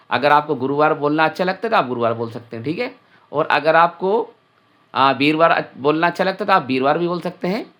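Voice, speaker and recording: A man's voice: a little high, fairly bright tone. A male teacher giving a children's English lesson, addressing the children directly and spelling each word out letter by letter before repeating it.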